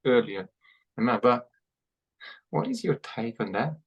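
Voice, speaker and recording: The clearly heard host of this podcast conversation is a Hungarian man who poses interview questions slowly and deliberately at middle pitch. He sounds animated, though the audio itself is dull, and he stumbles along, repeating words and restarting phrases as he forms each question.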